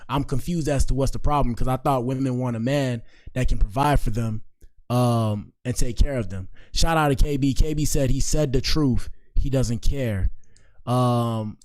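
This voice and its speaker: A man in his late twenties, casually chatting and giving shout-outs to viewers as a livestream host. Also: medium pitch, normal speed, dry recording. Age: 20s.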